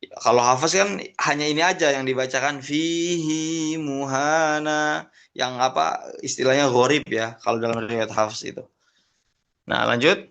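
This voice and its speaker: A young man from Indonesia giving an online lesson on Quran recitation, explaining patiently and chanting verses in a drawn-out tone. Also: medium pitch, creaky, a bit bright. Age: young adult.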